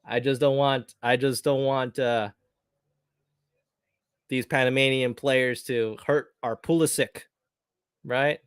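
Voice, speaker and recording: A man hosting a live soccer watchalong for his viewers, talking excitedly and slipping into when emotional. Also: medium pitch, slow, pauses often, clear, resonant tone, dry recording, clean studio sound. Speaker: watchalong host. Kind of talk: live match commentary to viewers.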